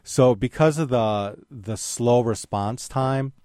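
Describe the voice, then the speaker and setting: A man on a call-in radio show, explaining patiently with plenty of pauses and fillers. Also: mid-range voice, no echo, clean studio sound. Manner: explanatory, relaxed, many fillers. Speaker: radio guest expert on photography. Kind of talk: casual call-in radio chat. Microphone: studio microphone.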